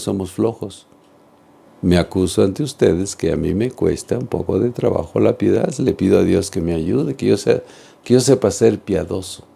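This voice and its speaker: A man's voice: lowish voice, creaky, dark tone, husky. A man giving an earnest religious teaching talk, speaking straight to viewers and asking them questions. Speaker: catechist.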